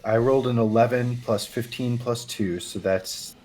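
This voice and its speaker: A man's voice: mid-range voice, fairly even intonation, normal speed, darkish tone, slight background noise. A man playing a tabletop game, counting his dice rolls aloud and second-guessing his math. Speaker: player.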